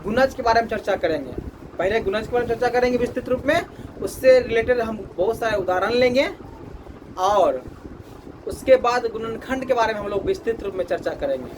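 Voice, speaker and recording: A man's voice: sits high, animated, a little fast, noisy background. A man teaching a maths class, repeating his questions to the students and drilling the answers.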